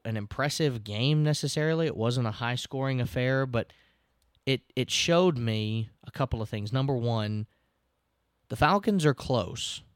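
A man's voice: medium pitch, no room sound, clean studio sound. A man, hosting a casual sports podcast, recapping games in a chatty, self-deprecating way and laughing now and then.

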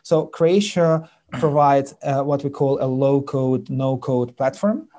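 A man from Ukraine with a Ukrainian accent, a sales executive speaking as an interview guest, halting with many fillers and restarts. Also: medium pitch, dark tone. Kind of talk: interview conversation.

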